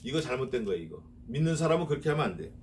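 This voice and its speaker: A male pastor giving a conversational sermon, reading scripture slowly with emphasis and asking the congregation rhetorical questions. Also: medium pitch, very animated, a little mellow, distant mic, slight background noise. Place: church sanctuary.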